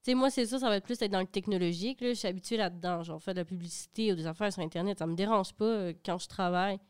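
A woman's voice: medium pitch, racing, clean tone. A young woman with a Quebec French accent, chatting animatedly on a panel and using lots of fillers. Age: young adult. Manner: animated, talks with fillers like "genre" and "comme". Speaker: panel guest. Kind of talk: casual panel discussion.

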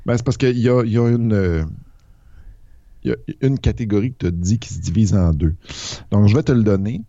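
A man's voice: fairly low pitch, a little fast, vocal fry, mellow, no echo, dull audio. A man with a Québécois accent co-hosting a casual movie podcast, explaining at length with many fillers. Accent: Québécois French. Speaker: podcast co-host.

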